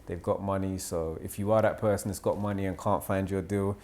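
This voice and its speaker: A man hosts a relaxed podcast conversation in a fairly low voice. He thinks out loud, sums up what his guest has said, and steers the talk toward the next question. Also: a little fast, slight background noise. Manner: relaxed, reflective, summarises guest's points. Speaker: podcast host. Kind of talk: casual podcast interview.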